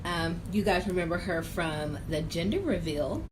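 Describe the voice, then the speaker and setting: A young woman hosting a casual question-and-answer vlog, chatty and hedging, with drawn-out phrasing. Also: fairly low pitch, expressive. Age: young adult. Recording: noisy room ambience.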